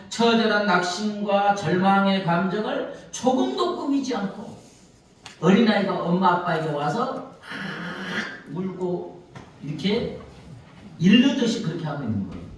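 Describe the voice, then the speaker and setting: A man's voice: sits high, a bit bright, slight background noise. A male pastor preaching a Sunday sermon. He acts out pleading prayers and puts questions to the congregation. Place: church sanctuary. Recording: echoey church hall, mic at a distance.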